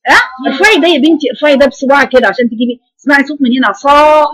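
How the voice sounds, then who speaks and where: A woman's voice: high-pitched, rapid-fire, a bit bright, rough recording. A woman with an Egyptian accent teaching Quran recitation. She corrects her students firmly and repeats sounds to demonstrate them. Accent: Egyptian Arabic.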